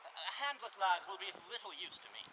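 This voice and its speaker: A man playing a swaggering, mock-courteous gentleman outlaw in an outdoor stage play. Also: high voice, fast talker. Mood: sly bargaining. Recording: noisy outdoor live stage recording.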